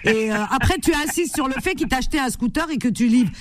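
A woman's voice: sits high, fast talker, no echo, clean studio sound. A woman hosting a radio call-in show, chatting casually and effusively with callers. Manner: effusive, laughing, talks over callers.

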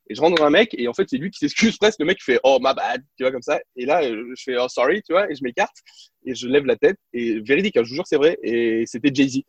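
A man speaking his native French tells stories quickly and animatedly, stumbling through fillers and restarts. His voice is husky and dry, with no room sound, and the recording is slightly dull. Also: medium pitch, no room sound. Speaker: guest, former basketball reporter. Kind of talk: casual interview storytelling.

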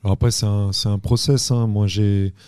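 A man who is an assistant basketball coach, answering podcast questions carefully and deliberately. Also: fairly low pitch, little pitch movement, darkish tone, smooth, dry recording, studio quality.

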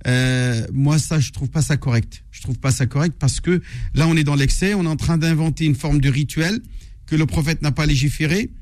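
A man's voice: on the high side, normal speed, darkish tone, no room sound. Man explaining, dry sound. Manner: hesitant, explanatory, searching for words. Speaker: imam, regular radio guest. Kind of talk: live radio religious discussion.

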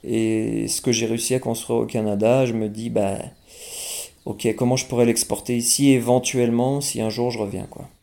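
A young man from France talks casually as an interview guest, his voice low in warmth and roughened with fry. He hesitates often, restarting his sentences and filling gaps. His tone stays relaxed and mellow throughout. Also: normal speed. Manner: hesitant, many fillers and restarts. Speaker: guest singer-songwriter.

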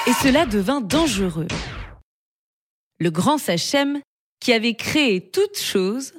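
A woman narrating a children's story in an expressive, melodic reading. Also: a little high, a little hiss or hum. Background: background music.

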